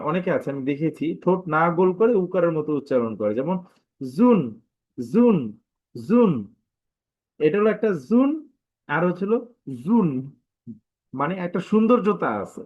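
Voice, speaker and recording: A man's voice: high voice, expressive. A man teaching an online lesson, patiently repeating syllables and drawing out each letter name to model the sound. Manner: slow, patient drilling of sounds with many repetitions; drawn-out sung syllables when modeling letters. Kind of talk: online live class lesson. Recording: dull lo-fi online class audio.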